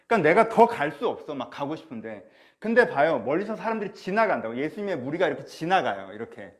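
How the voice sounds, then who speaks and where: A man preaching a sermon as pastor of a church, animated, swinging from soft asides to loud cries. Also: fairly high pitch, fast talker. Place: church or small studio, online service.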